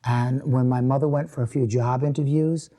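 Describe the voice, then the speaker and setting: A man's voice: medium pitch, fairly even intonation, mellow. An older man with an American accent, recalling his childhood in an oral history interview, talking in a rambling way with frequent restarts. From born in England, raised in the US. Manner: rambling, halting reminiscence with many restarts. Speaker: interviewee, retired teacher.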